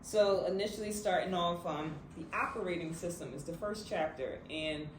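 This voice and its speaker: A relaxed man co-hosting a book club, thinking out loud in casual chat. His voice sits fairly high. The room is echoey with faint noise behind him. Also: moderate pace. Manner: relaxed and thoughtful, with light laughs.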